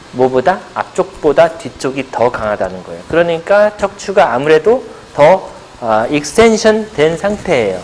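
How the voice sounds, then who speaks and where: A man's voice: a little high, a little hiss or hum. A middle-aged male pilates instructor giving a seminar lecture, asking the audience questions and answering them himself, with playful buzzer noises. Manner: playful buzzer sound effects. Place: seminar room.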